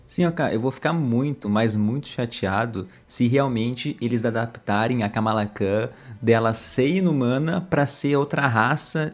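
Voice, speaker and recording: A man with a mid-pitched voice co-hosts a laid-back podcast. He speaks emphatically, pressing his opinions with his co-host over faint background music. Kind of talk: casual pop-culture podcast chat.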